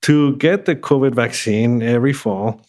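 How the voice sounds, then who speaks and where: A man's voice: medium pitch, normal speed, darkish tone. A man speaking as a health authority on a talk show, earnest and urging his listeners.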